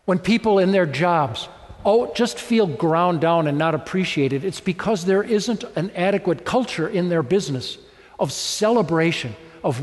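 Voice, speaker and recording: Man preaching a playful sermon in a reverberant hall. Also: on the high side. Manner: conversational, playful, rhetorical questions. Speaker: pastor.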